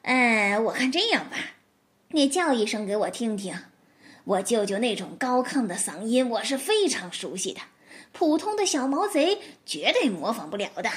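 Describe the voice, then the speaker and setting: A woman's voice: fairly high pitch, sing-song, normal speed. Woman doing a sly teasing fox. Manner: teasing, mock-innocent. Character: sly mocking fox, head of the family.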